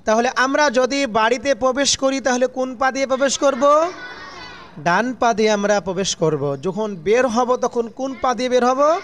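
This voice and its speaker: A man's voice: very high voice, normal speed, fairly bright tone. A man teaching children a religious lesson, asking questions and answering them himself in a falling tone, call-and-response style.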